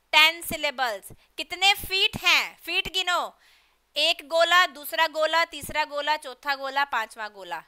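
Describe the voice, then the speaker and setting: Lady teacher, high sharp voice, hurrying her students to answer. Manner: brisk, pushes students to answer quickly. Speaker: English literature teacher. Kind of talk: live online class, quizzing students.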